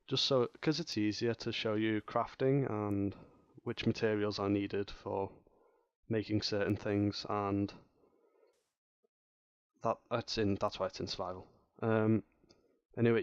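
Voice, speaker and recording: A man's voice: lowish voice, no echo, muffled recording. Rambling male gaming tutorial host. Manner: rambling, hesitant, many fillers and restarts. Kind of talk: casual gameplay tutorial commentary.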